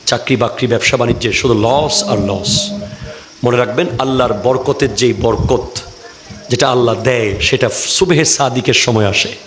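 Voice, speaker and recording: A man preaching a sermon, fiery and forceful, swinging from loud shouts to slow low passages. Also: noisy background.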